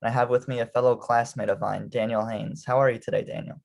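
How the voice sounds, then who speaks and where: A young man, a graduate assistant, interviews a classmate in a casual, friendly way, though he sounds hesitant and fills his speech with plenty of ums and likes. His gravelly voice sits in the mid-range with little pitch movement, and he talks fast.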